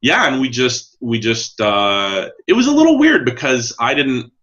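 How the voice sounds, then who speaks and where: A man telling a personal story as an interview guest, candid and halting, repeating words as he searches for phrasing. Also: mid-range voice, sing-song, a bit bright, lo-fi sound.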